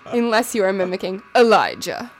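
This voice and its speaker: A woman's voice: mid-range voice, very animated, rough recording. A young woman co-hosting a podcast, gushing and joking as she chats casually about TV shows. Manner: bubbly, gushing, quick to joke. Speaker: podcast co-host. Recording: faint background noise.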